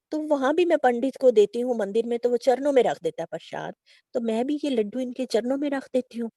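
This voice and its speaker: A middle-aged woman, sharing a devotional testimony in a lively storytelling way, acting out quoted dialogue. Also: medium pitch, dry recording, clean studio sound.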